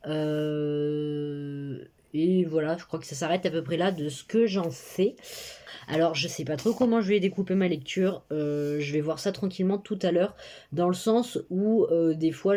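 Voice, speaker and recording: A woman's voice: low-pitched, warm tone. A nineteen-year-old woman chatting casually in a reading vlog, hesitant and full of filler sounds, recorded on a phone in her bedroom. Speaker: book vlogger. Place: bedroom at home. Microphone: phone camera.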